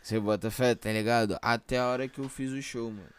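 A man's voice: mid-range voice, fairly even intonation, a little fast, smooth. A young man with a Brazilian Portuguese accent telling anecdotes in casual, slangy chat full of verbal tags. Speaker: rapper, podcast guest.

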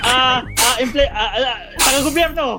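A man's voice: very high voice, moderate pace, heavy background noise. A man plays a guessing game, firing off frantic guesses and breaking into giggles. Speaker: game show player guessing the word. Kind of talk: rapid-fire guessing.

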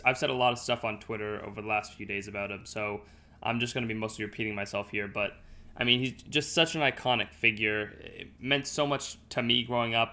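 Bright-voiced male sports podcast host. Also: mid-range voice. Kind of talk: conversational sports podcast talk.

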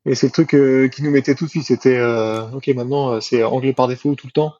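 A man hosting a casual podcast interview, speaking in a relaxed, hesitant way with many fillers and repetitions. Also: mid-range voice, a little fast, no room sound. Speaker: podcast host. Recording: dry, dull, slightly lo-fi mic.

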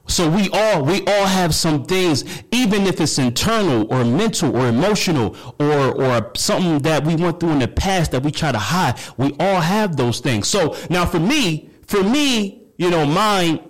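A man's voice: fairly high pitch, animated, moderate pace, rough recording. A man who stutters, giving a personal motivational talk, repeating words and restarting phrases with a constant "you know what I mean".

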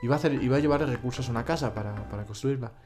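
Young man, casual podcast co-host, animated game stories, frequent restarts, faint music behind. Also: mid-range voice, very fast. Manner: animated storytelling, many restarts. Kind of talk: casual chat about video games. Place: home room, small setup.

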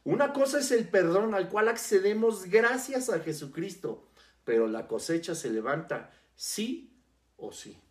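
A preacher delivering a sermon, stressing key words by slowing down and repeating them. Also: mid-range voice, very animated. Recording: roomy echo.

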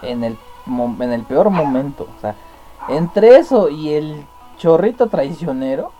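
Guy joking around on the radio, bouncy pitch, fairly high voice. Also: sing-song, a little slow, highs cut off, faint music behind. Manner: playful, joking. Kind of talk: casual banter.

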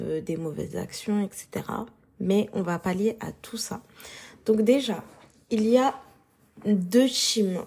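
A woman with a sore, husky throat, talking informally and thinking aloud as she hosts a relaxed, unscripted solo podcast. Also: medium pitch. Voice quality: husky, soft-edged. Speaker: podcast host.

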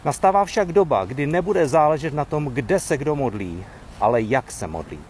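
A man reading the lines of a calm, authoritative male teacher from scripture in a gentle, earnest way. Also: fairly high pitch, a little hiss or hum, voice pushed up, close to an everyday voice. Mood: solemn.

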